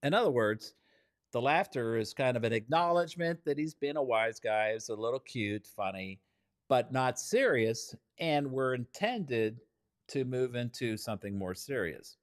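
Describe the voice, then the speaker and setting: A man teaching creativity in a keynote style, telling anecdotes as an animated storyteller who chuckles and acts out what others said. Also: medium pitch, moderate pace, no room sound, clean studio sound. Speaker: creativity trainer.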